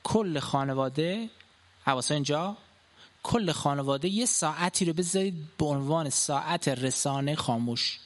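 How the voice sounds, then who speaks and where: A man giving a public talk of practical advice, talking in an animated way, asking rhetorical questions and jumping from emphatic high bursts to soft low endings. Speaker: speaker giving life advice.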